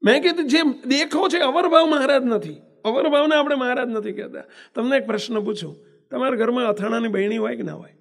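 A man's voice: very high-pitched, quick pace, vocal fry, a bit bright. A monk giving a devotional discourse, often asking his listeners questions and using everyday examples. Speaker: monk preacher.

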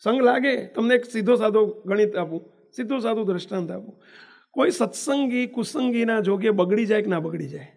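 A man's voice: high voice, a little fast, gravelly, darkish tone. A monk giving a devotional discourse, often asking his listeners questions and using everyday examples. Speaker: monk preacher.

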